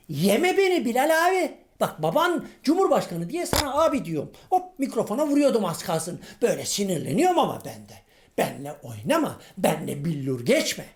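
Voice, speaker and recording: A high-voiced, grumbling middle-aged everyman, as a comedian plays him in a comic monologue sketch. He rants in folksy slang and keeps firing rhetorical questions, his pitch leaping up and down. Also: very animated, brisk. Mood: ranting. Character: grumbling irritable man on the street, middle-aged.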